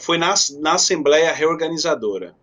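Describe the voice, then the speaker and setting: Brazilian pastor in his 30s, friendly, talks fast, some little ums. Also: on the high side, expressive, a bit bright. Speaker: pastor and guest. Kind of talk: interview answers.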